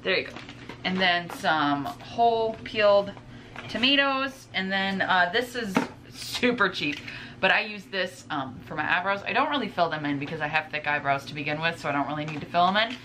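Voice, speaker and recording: Her lowish voice has a sharp tone and lively intonation at a moderate pace. She's a twenty-something stay-at-home mom vlogging from her kitchen, showing groceries to camera in an informal, rambling chat full of asides, captured in a clearly noisy home recording with room ambience.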